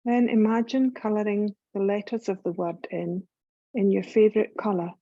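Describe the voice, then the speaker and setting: Speaking at medium pitch, a woman leads a scripted yoga nidra meditation, slow and soothing, with long silences between her phrases. The sound is lo-fi and free of echo.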